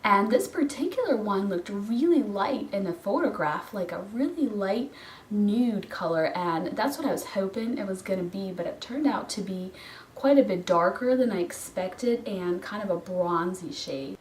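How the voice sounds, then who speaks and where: Talking at a moderate, expressive pace, a beauty vlogger reviews a product while hoarse from a cold, her delivery casual with ums and restarts. She sounds mid-pitched and slightly distant, and the room adds clear echo over a faint hiss.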